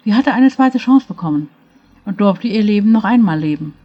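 A woman reads a fairy tale aloud in a calm, even and measured way, at a middle pitch. The recording sounds dull and muffled. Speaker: storyteller.

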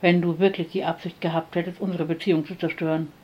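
A woman reading the lines of a gentle, tender man in a storybook, speaking softly and calmly in her own voice. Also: on the low side, fast, breathy edge, lo-fi sound. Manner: soft, calm.

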